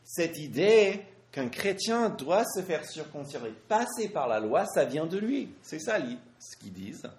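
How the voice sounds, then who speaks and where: A man preaching in French at a slow pace, his pitch rising and falling in lively swings. He stops often for his interpreter and asks rhetorical questions, and the sound is echoey. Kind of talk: sermon with live interpretation.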